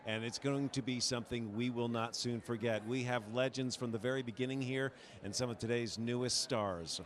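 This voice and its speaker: A man's voice: medium pitch, steady tone, normal speed. A man co-hosting a live red carpet broadcast with gushing, effusive announcer chatter. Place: outdoors at a red carpet event.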